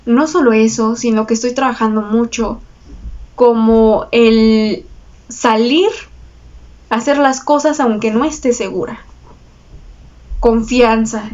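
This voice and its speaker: A woman's voice: on the high side, dull audio. A woman with a Mexican Spanish accent, hosting her astrology channel and telling a personal story in a chatty, confessional way. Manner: chatty and confessional, slangy, with frequent laughs and tag questions. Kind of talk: casual personal storytelling to viewers.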